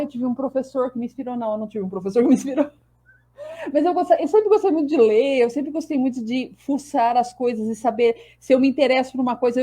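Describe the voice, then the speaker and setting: A woman in her forties, from Brazil, talks through her career as a historian in a relaxed, chatty way. Her voice is mellow and fairly high, and she often restarts her sentences. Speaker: historian guest. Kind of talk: casual interview answers.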